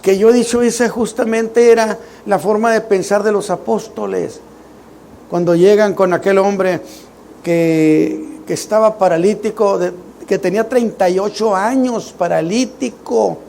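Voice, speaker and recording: A middle-aged pastor preaches with a gravelly, creaky edge to a fairly high voice. He talks to his congregation casually, tossing out rhetorical questions and jokes, with a faint hum of the room behind him. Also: fairly even intonation, a little slow, a little mellow. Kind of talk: Sunday sermon.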